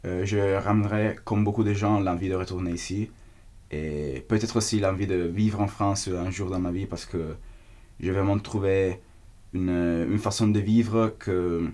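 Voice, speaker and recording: A young exchange student from Italy gives an earnest testimonial interview in a language he's still learning, searching for words as he goes. He speaks with an Italian accent in a deep, slightly mellow voice, a little slow with fairly even intonation.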